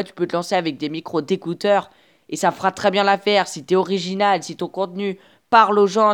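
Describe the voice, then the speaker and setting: Woman, podcast host, casual solo monologue, motivational, halting with fillers, earphone mic. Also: medium pitch. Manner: chatty and motivational, speaks straight to the listener; halting, with frequent restarts and filler sounds. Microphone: earphone headset mic.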